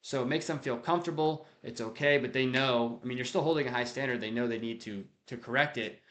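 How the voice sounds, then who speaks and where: A man speaking casually and directly as a leadership coach, talking to camera with frequent restarts, often acting out quick lines of dialogue. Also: mid-range voice, fairly bright tone. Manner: casual, direct, conversational, with frequent restarts and acted-out example quotes. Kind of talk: unscripted talk to camera on leadership.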